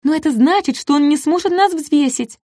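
A woman voicing a tiny, eager boy compsognathus who talks in excited, squeaky exclamations. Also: moderate pace, no room sound, clean studio sound, close to an everyday voice.

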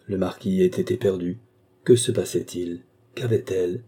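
A man narrating a classic novel in a measured, even literary reading. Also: sits low, slightly rough. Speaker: audiobook narrator. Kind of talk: scripted narration.

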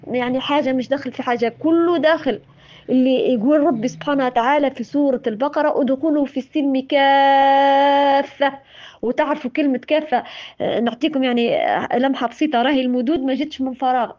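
Tunisian woman giving a religious talk, fast and high, scolds and repeats herself a lot, kinda dull lo-fi sound. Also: darkish tone. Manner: impassioned and scolding, repeats words. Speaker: religious speaker.

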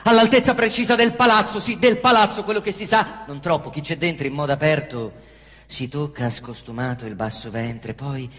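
On a theatre stage, an actor performs a monologue as a cocky young killer from the Roman slums, swaggering through street slang in a thick Roman accent. His fairly bright, high-sitting voice, close to everyday speech at a moderate pace, swings between defiant outbursts and low mutters. A long theatre reverb trails every phrase.

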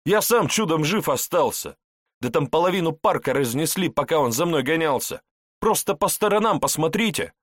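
A man's voice: lowish voice, sing-song, measured pace, few pauses, no echo, studio quality, pitched above the performer's own voice. A man voicing a brash young male suspect who talks back in heated slang, in an audiobook.

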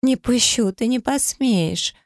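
Male reader voicing a hysterical young wife in an audiobook: high, tearful, pleading. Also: moderate pace, vocal fry, no echo, studio quality. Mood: shrieking. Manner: pleading, sobbing, shrill.

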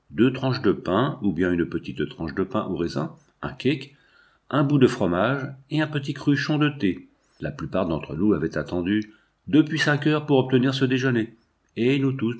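A man reading a novel aloud as an audiobook, in steady, measured narration. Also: lowish voice. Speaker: audiobook reader. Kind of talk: literary narration.

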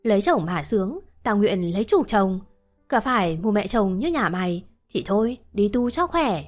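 A woman's voice: mid-range voice, sing-song, moderate pace. A woman voicing a blunt, scolding but caring old village woman, over faint music.

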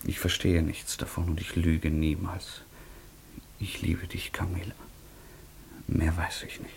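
An actor playing an impulsive young nobleman in a radio drama, speaking low, earnest and quietly intense. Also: little pitch movement, a little slow, gravelly, whispered. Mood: tender. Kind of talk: studio radio drama acting.

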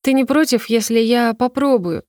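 A woman's voice: a little high, normal speed, darkish tone, no room sound, studio quality, voice pushed up, natural voice. A woman doing a tipsy, pouty young heroine. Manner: pouty and petulant.

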